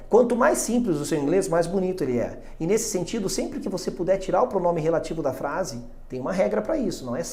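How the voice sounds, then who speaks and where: A man with a Brazilian Portuguese accent teaching an English lesson, lively and often checking in with quick tag questions. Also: high-pitched. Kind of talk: classroom-style video lesson.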